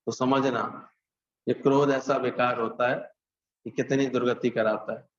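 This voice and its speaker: A man gives a satsang talk in an easygoing preaching manner, firing rhetorical questions at his listeners and dropping to a hush or rising to a shout to act out scenes. His mid-pitched voice rings around an echoey room, and the recording sounds muffled and lo-fi. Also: level tone, unhurried, slight background noise. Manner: conversational preaching, rhetorical questions, mimics loud and hushed speech. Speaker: spiritual teacher. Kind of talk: Hindi satsang discourse. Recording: echoey, dull lo-fi hall recording.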